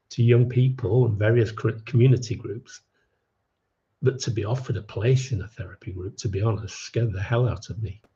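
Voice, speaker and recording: A man's voice: mid-range voice, a little mellow, dull audio. A man telling his own life story to an audience, with wry, self-mocking asides. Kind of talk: personal storytelling talk.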